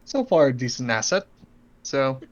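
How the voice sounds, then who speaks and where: Player as a dry, mid-pitched, wry adventurer. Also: very animated, normal speed, lo-fi sound, lightly acted. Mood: dry, grudging. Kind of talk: tabletop role-play.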